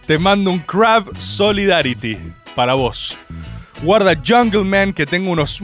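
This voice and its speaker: A young adult man with a Rioplatense Spanish accent, hosting a comedic radio show in a joking, ranting monologue full of swearing. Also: fairly high pitch. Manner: animated, joking, rants with swearing. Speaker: radio host.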